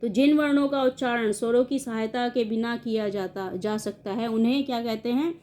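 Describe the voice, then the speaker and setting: High-voiced woman teaching a grammar lesson. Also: normal speed, darkish tone. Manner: explains step by step, asking and answering her own questions. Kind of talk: online grammar lesson for children.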